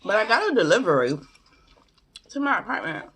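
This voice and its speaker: Eating as she chats, a vlogger recounts personal stories in slangy, casual language, speaking with her mouth full and performing the quoted lines in this storytime mukbang. She has a medium-pitched, sing-song voice, a little fast and a bit bright, with a slight hiss or hum behind it.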